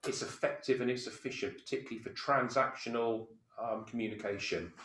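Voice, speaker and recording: A man co-presenting a training webinar over a video call, with a voice of middling pitch. He explains his points through strings of rhetorical questions and everyday examples, and the audio sounds roomy. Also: fairly bright tone, slight background noise.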